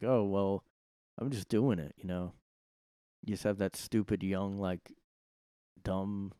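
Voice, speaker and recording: A man with a smooth, clear voice sits in his room hosting a solo podcast, recorded close and dry. He rambles and swears freely, now and then jumping into loud outbursts. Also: on the low side, no echo. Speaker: podcast host. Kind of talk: casual solo monologue.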